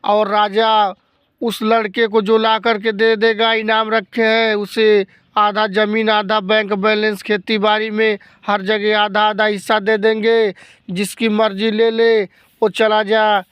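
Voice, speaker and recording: A man voicing a village crier who slowly proclaims a royal reward. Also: high-pitched, little pitch movement, fairly bright tone, clear, resonant tone, no room sound. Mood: proclaiming. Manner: slow, drawn-out proclaiming.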